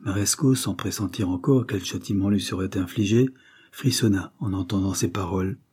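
Male audiobook narrator: low, dark, husky, steady. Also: normal speed. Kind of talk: scripted narration of a novel.

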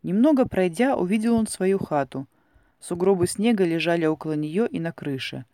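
A man narrating a classic story in a measured, expressive way. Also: sits high, no room sound, clean studio sound.

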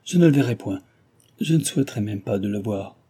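A man reading aloud and voicing an anguished young woman who speaks in emotional, halting, yielding replies. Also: lowish voice, animated, dark tone, husky. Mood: distressed.

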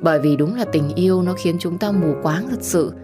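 Low-voiced woman storyteller. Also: moderate pace, music in the background. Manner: gentle, emotional narration, addresses listeners directly. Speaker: storyteller and channel host. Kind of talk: narrating a romance audiobook.

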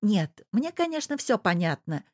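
Woman doing a young woman, excitable, teary, higher pitch, dry close sound. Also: moderate pace, dry recording. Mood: excited, tearful. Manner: higher, excitable, near tears. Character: young woman, emotional birthday girl.

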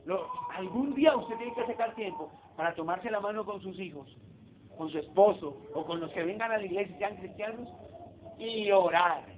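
Over crowd noise, a pastor with a high male voice speaks at a moderate pace, delivering a conversational sermon full of questions for his listeners. The sound is tinny, like a phone, with a faint hiss.

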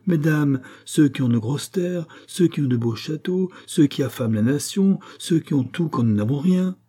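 A man voicing a cocky young country lad in a storybook reading, boasting loud and high-pitched with a husky, dark grain. He punches out each claim with fierce pride. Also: lively intonation, moderate pace. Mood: boastful. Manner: boastful, emphatic declaiming. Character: proud young peasant man, boastful and fiery.

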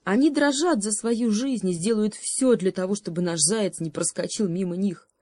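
A woman's voice: mid-range voice, moderate pace, mellow, dry recording, close to an everyday voice. A woman voicing a small, eager male froglet who leads his friends in a storybook.

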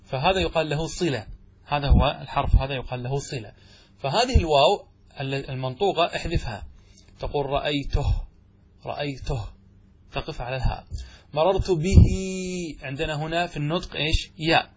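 A man with a slightly high, husky voice teaches grammar to a class. He asks the students questions and then answers them himself, and he draws out his examples slowly. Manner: says examples slowly and drawn out. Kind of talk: classroom lesson on Arabic grammar.

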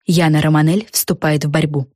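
A woman narrating a children's storybook with an expressive, even reading. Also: low voice, normal speed, no echo, studio quality. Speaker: audiobook narrator.

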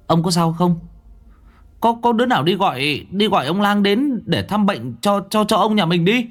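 Male narrator as a fretful, deferential servant boy, high and stammering. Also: animated, moderate pace. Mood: panicked. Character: anxious young male household servant.

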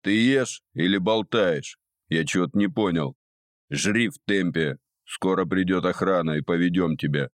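A man voicing a gruff old gnome jailer. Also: low voice, dry recording, clean studio sound, lightly acted. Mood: mocking. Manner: scolding, sarcastic, drawn-out.

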